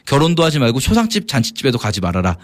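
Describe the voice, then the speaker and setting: Animated man explaining scripture. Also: medium pitch, very fast. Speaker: Bible teacher. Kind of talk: radio Bible explanation.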